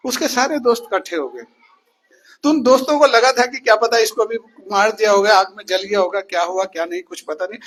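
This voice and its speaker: A man's voice: very high-pitched, a bit bright. A male teacher telling a story to children in class, often asking them questions as he goes. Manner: asks questions to the listeners.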